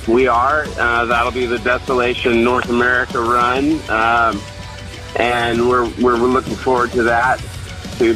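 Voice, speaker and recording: A man's voice: medium pitch, rough recording. A man, a touring band member, chatting loosely in an interview with lots of fillers. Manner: laid-back, loose, full of fillers and restarts. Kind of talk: casual interview chat.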